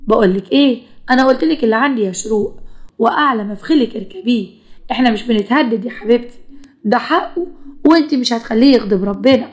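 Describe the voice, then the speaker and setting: A woman voicing a harsh, scolding older mother-in-law in an animated storybook tale, talking down to her listener. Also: fairly high pitch, fast, lightly acted. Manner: scolding, condescending.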